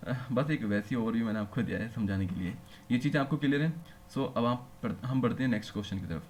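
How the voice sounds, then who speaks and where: A man's voice: medium pitch, fast talker, darkish tone, slight background noise. A male teacher giving a classroom-style lecture, explaining patiently and often asking his students whether they follow. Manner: explains patiently, checks understanding with frequent rhetorical questions.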